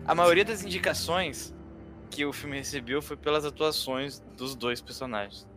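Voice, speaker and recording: A man co-hosting a casual film review chat, talking in a slangy, laid-back way that gets lively when he jokes. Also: a little high, moderate pace, faint music behind. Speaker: co-host of a film review show.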